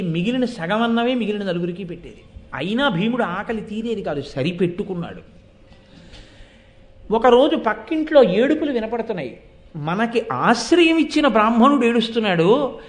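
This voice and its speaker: A high-pitched man delivers a devotional discourse, chanting classical verses between passages of animated storytelling. He turns to his listeners with direct questions as he retells the epic. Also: moderate pace. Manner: animated storytelling with acted quotes. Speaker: religious discourse speaker.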